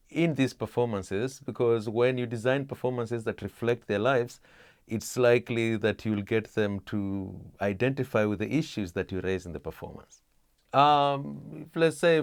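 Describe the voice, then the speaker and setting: A middle-aged man talks through his work in a measured way, often pausing on "uh" and restarting phrases. His voice sits low, and the recording is dry and close with little room sound. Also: dry recording. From Kenya. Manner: measured, many "uh" pauses and restarts. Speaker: interviewee, theatre practitioner. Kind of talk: explaining his work in an interview.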